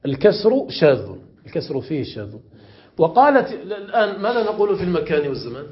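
A man teaching Arabic grammar in a classroom lesson, questioning his students and repeating examples slowly. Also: high-pitched, big pitch swings, muffled recording. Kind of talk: classroom lesson explaining morphology.

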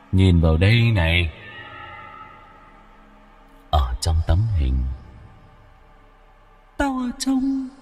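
Audio horror story: demonic ghost of a gaunt old man in a photo, doubled warped voice, slow and taunting, swinging deep to shrill. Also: dark tone, heavily acted.

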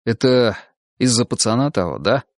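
Man doing an earnest lieutenant, plain quiet voice, audiobook. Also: medium pitch, animated, moderate pace, no room sound, clean studio sound, close to an everyday voice. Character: earnest male police lieutenant, young adult.

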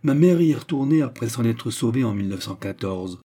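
A man voicing a composed, politely ironic French gentleman in a storybook reading, with a mellow, husky voice. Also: mid-range voice, animated, fairly quick. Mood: calm courtesy. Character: calm, courteous French gentleman.

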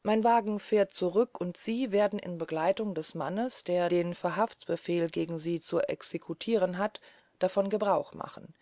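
A woman reading aloud voices a grave, courteous gentleman who speaks in a measured, solemn way. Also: on the low side, no room sound, close to an everyday voice.

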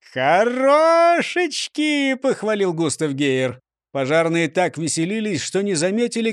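A man narrating a children's storybook in an animated, expressive way. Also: a little high, dry recording, clean studio sound.

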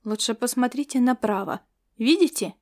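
A woman voicing a watchful young man, a former scout, who speaks low and curtly in an audiobook story. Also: expressive, normal speed, lightly acted. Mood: stern. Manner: low, hushed and curt. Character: watchful young male ex-spy, curt.

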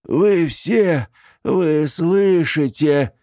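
A man's voice: a little high, extremely slow, warm tone, no echo, studio quality, voice pushed up. A man putting on a wheezing, desperate dying old man. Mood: desperate cries. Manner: pleading, crying out, wheezing.

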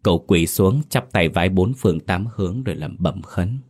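Horror narrator, male, deep, slow and grave delivery. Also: animated, darkish tone, husky. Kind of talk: scripted horror story narration.

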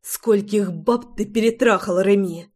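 A woman's voice: medium pitch, a little slow, darkish tone, lightly acted. A woman playing a fiery young wife. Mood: hissing anger. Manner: hissing, snapping.

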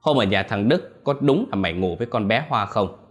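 A calm middle-aged father speaks with measured firmness, as a man plays him, in a low voice with lively turns of pitch. Faint music runs behind him. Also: lightly acted.

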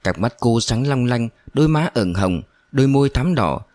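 A man narrating a storybook in a steady, unhurried way. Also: medium pitch, dry recording.

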